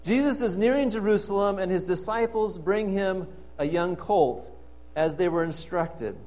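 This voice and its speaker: A man's voice: high-pitched, moderate pace, mellow. A man preaching a sermon as pastor, reading scripture and pressing repeated questions with emphasis.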